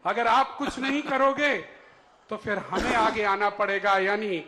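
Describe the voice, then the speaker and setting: A man's voice: high-pitched, measured pace, sharp tone. A male moderator of a question session who speaks formally and fires off strings of rhetorical questions. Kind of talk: formal announcing.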